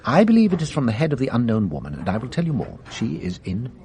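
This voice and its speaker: A man's voice: mid-range voice, wildly swooping pitch, mellow. A man acting in a radio drama as a shrewd, genial, self-assured French police inspector with a theatrical, musing manner. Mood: secretive, assured. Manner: theatrical, musing, savours his pauses.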